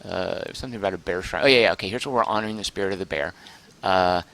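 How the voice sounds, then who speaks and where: A man streaming a game live, chatting excitedly, thinking aloud and reading chat messages aloud, close to his microphone. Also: deep voice, quick pace, vocal fry, a little hiss or hum. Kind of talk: live gameplay commentary.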